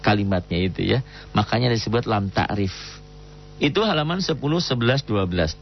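A man teaching the rules of Quran recitation in a patient lesson, stopping to chant examples slowly and melodically. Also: on the low side, animated, vocal fry, lo-fi sound, soft background music. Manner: explains rules patiently, breaks into slow melodic recitation of Arabic.

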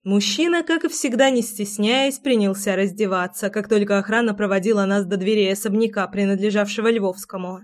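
A woman narrating a first-person romance audiobook, reading in an expressive, emotive way. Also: mid-range voice, a little fast, hardly any pauses.

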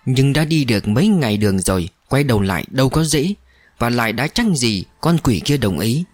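A man narrates a story with dramatic expression. His pitch moves widely through each sentence. The recording is close and dry with no room sound. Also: expressive, fairly quick, no room sound.

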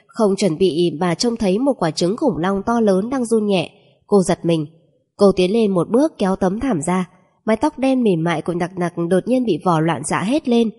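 A woman narrating a romance novel aloud in a steady, even storytelling manner. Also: mid-range voice, breathy edge.

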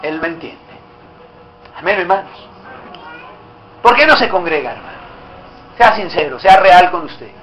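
A man's voice: sits high, sing-song, moderate pace, long pauses, a bit bright, a little hiss or hum. A male pastor preaching a sermon, exhorting the congregation with direct questions, recorded in a church hall.

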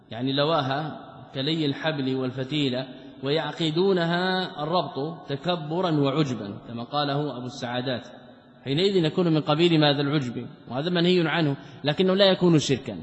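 Male religious teacher, fairly high voice, long hall reverb, reads a text and explains it. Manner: reads quoted passages, then explains them with rhetorical questions. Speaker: Islamic scholar teaching a text. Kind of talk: religious lesson, reading and explaining a commentary. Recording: muffled, echoey lecture hall recording.

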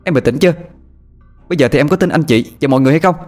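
A man voicing a young woman who firmly calms a frightened friend in a ghost story. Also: mid-range voice, brisk, faint music behind, voice pushed up, close to an everyday voice. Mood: firm coaxing. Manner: firm, coaxing, takes charge. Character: young woman, firm and caring older sister type.

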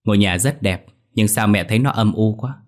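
A man's voice: on the low side, fairly quick, natural voice. A man voicing a stern, worried elderly mother-in-law with a firm, commanding way of talking, over faint music.

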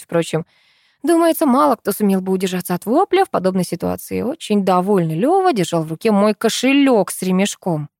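A woman narrating an audiobook in an even, measured reading. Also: medium pitch, no room sound, studio quality. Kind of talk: scripted narration.

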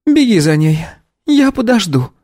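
A man's voice: high-pitched, sing-song, unhurried, a little mellow, no room sound, clean studio sound, pitched above the performer's own voice, heavily acted. A man voicing a smug, sardonic young woman in an audiobook, who mocks and needles. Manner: mocking, sardonic.

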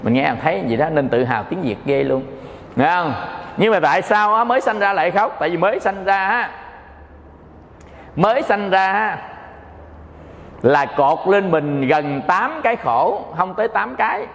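A man's voice: high voice, lively intonation, moderate pace, gravelly, pauses often, fairly bright tone. A male Buddhist monk with a Southern Vietnamese accent gives a dharma talk in a playful, joking way, often checking that listeners follow. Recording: long hall reverb.

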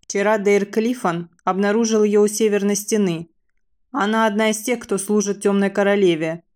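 A woman's voice: medium pitch, steady tone, moderate pace, darkish tone, lightly acted. Woman reading as a stern male royal official. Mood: deferential.

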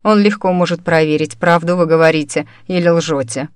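A composed young man questioning a suspect, speaking mildly and evenly in a lowish voice, as a female narrator reads him. There is no drama in his delivery, only a measured calm. The sound is dry and close. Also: clear, resonant tone, dry recording, close to an everyday voice. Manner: mild, even, unhurried.

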